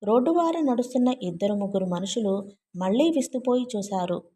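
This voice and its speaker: A woman narrating a novel aloud with an expressive storytelling reading. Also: mid-range voice, fairly quick, slight background noise. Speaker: audiobook narrator.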